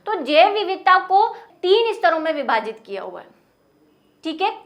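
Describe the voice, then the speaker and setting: A young woman with a high, light voice gives a classroom biology lecture. She explains each point patiently and keeps stopping to ask her students rhetorical questions. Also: a bit bright. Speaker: biology teacher.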